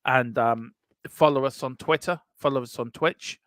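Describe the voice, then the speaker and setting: A man's voice: medium pitch, normal speed, a bit bright, no echo. A man hosting a live watchalong stream, chatting casually and rambling with lots of fillers. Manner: rambling, full of fillers and restarts. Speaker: stream co-host.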